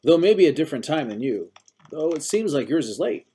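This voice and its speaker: A bright, busybody old gentleman who chatters with relentless optimism, as a man puts him on. His voice rides noticeably higher and louder than the narration around him, all eager small talk. It is a storybook character, nosy and sunny. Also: sing-song, fairly quick, husky. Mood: chirpy, chatty. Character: cheerful, nosy older man at a bus stop.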